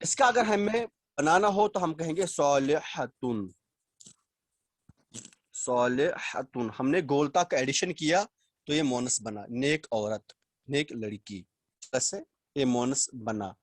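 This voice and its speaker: A man teaching a language class over a video call, explaining slowly, repeating words and quizzing his students. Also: on the high side, dry recording, clean studio sound. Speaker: Arabic teacher. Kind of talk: online class lecture.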